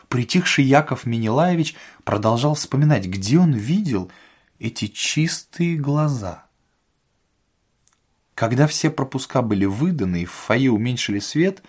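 Husky expressive male storyteller. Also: mid-range voice. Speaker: narrator. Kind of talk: audiobook reading of a humorous novel.

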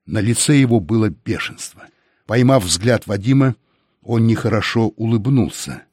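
A man narrating an audiobook in an even, measured way. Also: lowish voice, breathy edge, dry recording, studio quality.

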